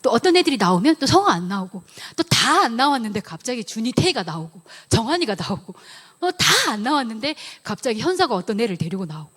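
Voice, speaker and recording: A woman's voice: a little high, sing-song, fast talker, fairly bright tone, husky. A middle-aged woman giving a sermon testimony in church, telling her story earnestly and acting out her own prayers and conversations. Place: church sanctuary.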